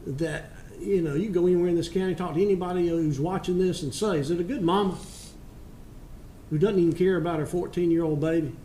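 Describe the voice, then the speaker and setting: Male judge: mellow, fairly high voice, stern and admonishing, folksy phrasing. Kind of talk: sentencing remarks from the bench. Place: courtroom. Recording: echoey courtroom with faint noise.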